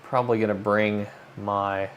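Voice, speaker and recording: A man with a fairly low, slightly bright voice speaks at a normal speed with little pitch movement. He is an amateur radio operator hosting a hobby livestream, informally thinking aloud through a demo for viewers. The recording has noticeable background noise.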